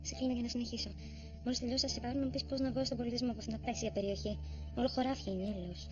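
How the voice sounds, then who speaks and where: A woman's voice: a little high, fairly even intonation, natural voice. An actress playing a wealthy, bossy woman who anxiously gives orders in a TV comedy series. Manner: anxious, commanding, flustered. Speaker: wealthy boss searching for her son. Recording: dull lo-fi TV audio with loud music.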